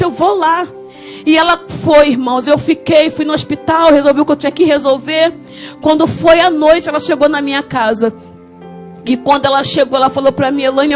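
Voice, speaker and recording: A woman with a Rio de Janeiro Brazilian accent preaching a fervent testimony sermon in church, rising to tearful shouts. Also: high voice. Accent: Brazilian Portuguese, Rio de Janeiro. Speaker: guest preacher.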